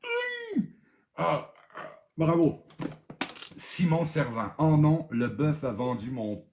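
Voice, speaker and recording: A man's voice: on the high side, huge pitch swings, takes it slowly, darkish tone, echoey room, a little hiss or hum. A man with a Québécois accent hosting a live-streamed game night, laughing often and exclaiming as he reads answers aloud over and over. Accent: Québécois French.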